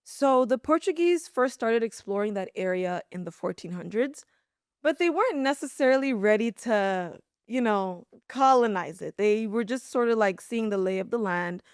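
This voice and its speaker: A young woman hosting a podcast, telling history in a lively, dramatic way. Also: medium pitch, normal speed, smooth, no echo, clean studio sound. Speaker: podcast host. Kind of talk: casual chat and storytelling.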